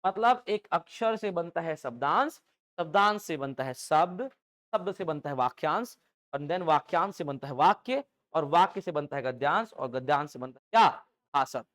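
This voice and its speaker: Lively male teacher lecturing a class. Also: fairly high pitch, moderate pace. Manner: call-and-response questioning, lively rhetorical checks. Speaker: English teacher for exam coaching. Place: classroom with students.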